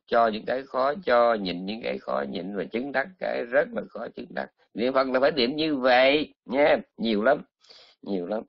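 A male monk gives a colloquial dharma talk, chatty and teasing, breaking into exclamations. His voice sits at an ordinary middle pitch. The close, dry recording sounds a little muffled and lo-fi. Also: no room sound. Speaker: Buddhist monk teacher.

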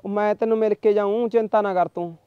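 A man acts out a young farmer from a Punjabi village, sweet-talking his way out of debts and pleading for more time. His voice sits fairly high. The recording is dull and dry, like a cheap home production. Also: fairly even intonation, fast talker, clear, resonant tone, no echo, close to an everyday voice. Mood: coaxing. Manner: pleading, stalling with excuses.

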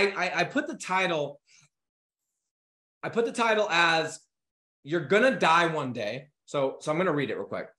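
Male, 30s, business coach, punchy motivational delivery, casual swearing; bright edge, roomy echo. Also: fairly high pitch. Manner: energetic, urgent, swears casually; gestures a lot with his hands while talking. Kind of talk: motivational talk to camera. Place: home office with bookshelves.

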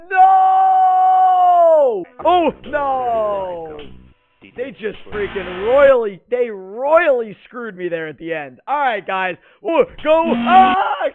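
High-pitched, panicky scared horror game streamer guy. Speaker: gaming video host. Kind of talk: excitable horror game reaction commentary. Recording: tinny, phone-like, noisy audio.

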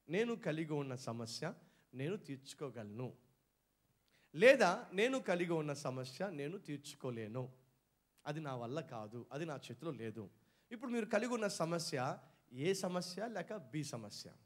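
Male pastor, high voice, very lively pitch, questioning sermon. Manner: asks the congregation questions and repeats them; dramatic, swings from low murmurs to loud exclaims. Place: church hall with a congregation.

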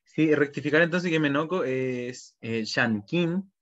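A man teaching a language class over a video call, saying each word slowly twice and then giving its meaning. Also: a little high, lo-fi sound. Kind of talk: online vocabulary class.

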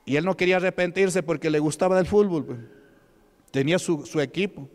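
A man with a Peruvian Spanish accent preaching a fervent sermon, scattering interjections of praise and slowing down and rising in pitch for emphasis. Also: darkish tone. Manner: slows and rises for emphasis. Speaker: pastor. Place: church hall. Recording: reverberant church hall.

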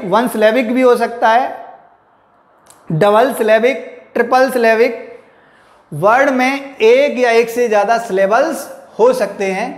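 A male English teacher giving a classroom lecture, explaining step by step, asking and answering his own questions, and mixing English terms into his Hindi. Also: extremely high pitch. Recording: echoey room.

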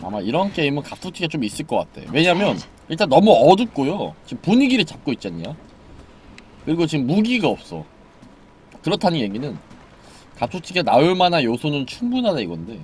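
A man streaming a horror game live, chatting and joking with viewers, dropping to mumbles and then yelling in excitement. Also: a little high, fairly quick, a little hiss or hum.

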